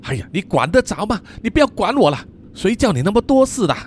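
A male storyteller voicing a frightened, defiant young boy who answers back in a shrill, indignant voice. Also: very animated, fast, a little hiss or hum. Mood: flustered defiant. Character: panicky defiant young boy camping with his father.

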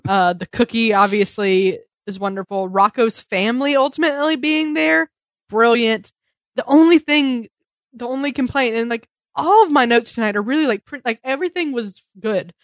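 A woman's voice: a little high, normal speed, dry recording, studio quality. Chatty laughing woman podcaster. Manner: chatty, laughs often, many "like" fillers. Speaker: podcast co-host reviewing sketch comedy. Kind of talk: casual chat.

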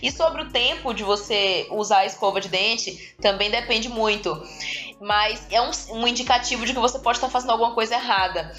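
A woman's voice: on the high side, fairly quick, a bit bright, soft background music. A woman with a Brazilian Portuguese accent chatting informally and explaining things as an expert guest on a podcast. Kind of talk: casual podcast chat, explaining.

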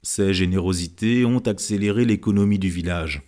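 A man's voice: low voice, normal speed, a little mellow, lightly acted. A man voicing a cheerful, chatty male villager who talks enthusiastically and gossips. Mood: enthusiastic.

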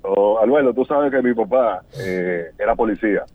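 A man's voice: fairly low pitch, normal speed, no room sound. Hearty male caller on a dry phone line. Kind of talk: telling an anecdote on a phone call.

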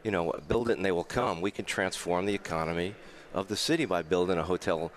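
Appearing as a radio guest, a hotel general manager from the Bronx talks history in a deep, quick New York-accented voice, with a little hiss or hum in the audio. His telling is full of stammered restarts.

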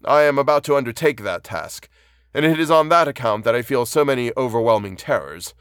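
A man's voice: mid-range voice, animated, a little fast, clear, resonant tone, dry recording, studio quality, pitched above the performer's own voice, lightly acted. A man voicing an outcast monster in an audiobook, anguished and pleading, with formal, fervent, eloquent speech. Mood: earnest, hopeful.

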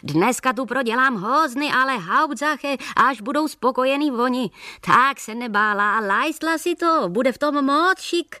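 Woman doing a teasing high-pitched village baker. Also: animated, pushed and bright, dry recording, studio quality. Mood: mocking. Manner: mocking, teasing.

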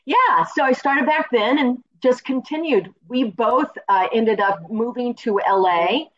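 A woman in her sixties who grew up in Colorado, a former dancer recalling her start in a relaxed, reflective way as a guest. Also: a little high, a little slow, dull audio. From Colorado, USA. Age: 60s. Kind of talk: interview storytelling.

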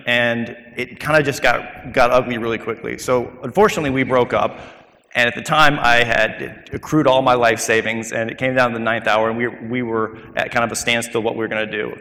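A man's voice: mid-range voice, pushed and bright, big-room sound. A man who hosts a dental podcast, talking casually with easy banter as he shares his own story with a group. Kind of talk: personal story told to a group.

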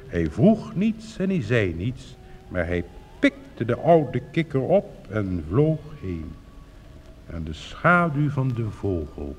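Male storyteller reading a fairy tale, very slow, lively pitch, long reverb. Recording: reverberant recording with faint hiss.

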